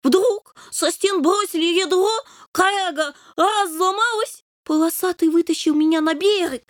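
A woman's voice: very high-pitched, unhurried, no room sound, clean studio sound, voice pushed up. A woman voicing an earnest little male ginger kitten who tells his story plainly and eagerly.

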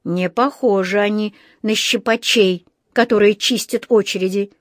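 A woman's voice: medium pitch, steady tone, normal speed, no room sound, studio quality, lightly acted. Woman reader doing a stern storybook policeman, officious and firm. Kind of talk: storybook reading.

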